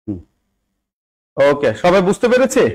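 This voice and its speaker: A man's voice: sits high, wildly swooping pitch, measured pace, low-quality recording. A young Bangladeshi man teaching an English spelling lesson to a live online class, repeating himself and checking often that everyone follows. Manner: repetitive, coaxing, keeps checking understanding. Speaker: English teacher for job exams.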